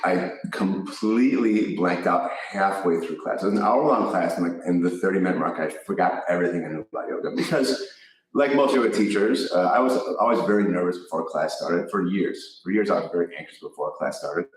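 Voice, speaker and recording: A man's voice: sits low, brisk. A man with a Chicago accent, a yoga teacher and co-host, telling a rambling story in casual chat and often correcting himself. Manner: rambling, self-correcting anecdote with laughs. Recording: echoey room, voice from a distance.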